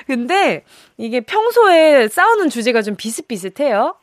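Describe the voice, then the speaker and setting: A woman's voice: high voice, big pitch swings, normal speed, no room sound, studio quality. A woman radio DJ in a phone-in chat, playful and coaxing, laughing often as she draws a caller out.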